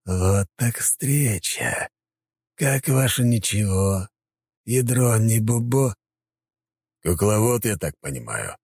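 Oily mocking spirit, man doing it, high sneering voice, husky, dry. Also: sing-song, takes it slowly, no room sound, exaggerated voice. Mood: gloating. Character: sly gloating male puppet-master spirit.

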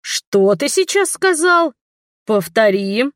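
A woman's voice: mid-range voice, fairly quick, no echo, studio quality, lightly acted. Woman doing a bossy, fiery nun. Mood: angry. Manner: insistent, loud and scolding. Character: bossy, hot-tempered middle-aged nun.

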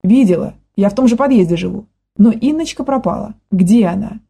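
Determined young woman, firm and persistent, husky low-bright tone, voiced by a woman reader. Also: expressive, brisk. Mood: pressing.

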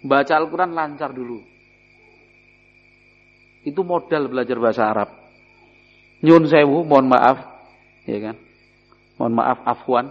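A man's voice: medium pitch, measured pace, pauses often. A man teaching an Islamic study lesson, explaining Arabic words and asking his listeners questions. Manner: explains Arabic terms, asks the audience questions; sprinkles in Javanese. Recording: dull recording in a hall.

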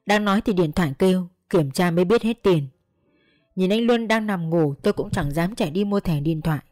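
Woman reading a long story out loud, steady and earnest, dry close sound, soft music under. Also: on the low side, fairly quick, no echo. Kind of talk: first-person story narration.

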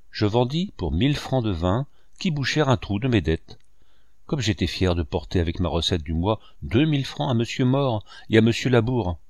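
A man reading a first-person memoir aloud as an audiobook narrator, in a measured, expressive storytelling manner. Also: on the low side, no echo, clean studio sound.

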